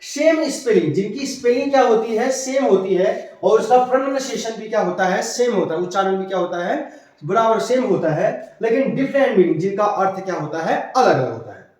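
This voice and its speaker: Male grammar teacher, high voice, very roomy echo, walks through each point with self-answered questions. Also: lively intonation, fairly quick, a little mellow. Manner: explains step by step with rhetorical questions. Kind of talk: classroom-style lesson. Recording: very echoey room.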